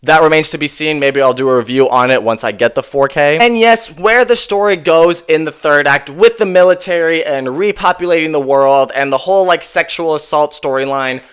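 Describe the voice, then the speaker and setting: Young male film reviewer, slightly high, smooth voice, enthusiastic and rambling with fillers. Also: a little fast, hardly any pauses, a bit bright. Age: 20s. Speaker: movie reviewer. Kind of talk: casual movie review vlog.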